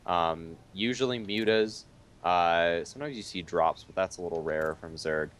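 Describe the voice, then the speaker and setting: Deep-voiced male game analyst. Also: moderate pace. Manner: relaxed, explanatory, casual. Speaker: esports co-caster.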